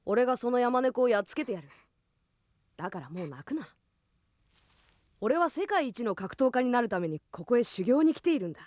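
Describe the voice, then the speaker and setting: A woman voicing a proud, hot-tempered young boy with a husky voice and rough boyish speech. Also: on the high side, sing-song, moderate pace, long pauses, no echo, clean studio sound. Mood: boastful. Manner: rough boyish speech, shouting when upset. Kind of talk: anime film dub acting.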